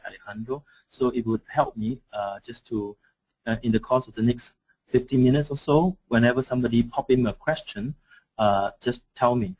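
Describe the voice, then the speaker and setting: A man from Singapore, a coaching trainer, giving an online webinar through a computer mic, talking hesitantly with many fillers and restarts. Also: mid-range voice. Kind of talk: webinar presentation. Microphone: computer mic on an online call.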